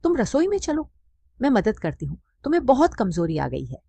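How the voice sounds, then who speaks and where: A woman voicing a caring middle-aged aunt who gently urges a grieving sister to eat and rest. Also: on the high side, huge pitch swings, moderate pace, creaky, husky, no echo, voice pushed up, heavily acted. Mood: coaxing.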